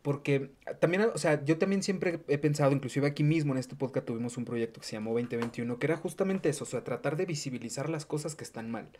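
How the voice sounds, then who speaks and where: A woman's voice: rumbling low, fast, hardly any pauses, a little mellow. A woman with a Mexican accent hosting a podcast, musing aloud and chatting casually with her guest. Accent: Mexican Spanish. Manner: reflective, chatty, muses aloud. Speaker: podcast host.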